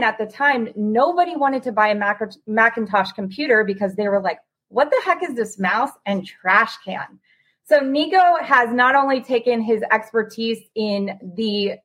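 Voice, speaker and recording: A woman's voice: mid-range voice, rough recording. An enthusiastic, talkative woman, hosting a casual interview podcast. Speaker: podcast host.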